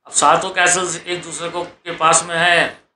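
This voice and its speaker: A man's voice: a little high, flat delivery, measured pace, sharp tone, slight background noise. A man vlogging at home in a preachy monologue, repeating himself and firing off rhetorical questions. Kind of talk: exhortative monologue. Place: sitting on a sofa at home.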